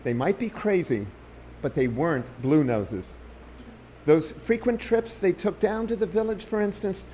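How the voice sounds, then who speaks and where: Man reading a story out loud, measured, slightly high voice, faint hiss behind. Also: animated. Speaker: narrator. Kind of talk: audiobook narration.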